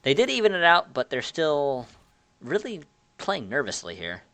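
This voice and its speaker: A man adds relaxed color commentary to a video game match and laughs easily. His voice has a gravelly edge with plenty of vocal fry. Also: a little high, normal speed. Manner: relaxed, easygoing, laughs often. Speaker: esports co-caster.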